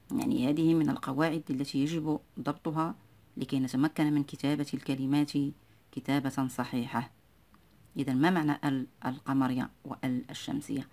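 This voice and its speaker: A man teaching a spelling lesson in a formal, patient classroom manner. His voice stays level and flat in pitch. He drills each word slowly and repeats single sounds over and over so that learners can follow.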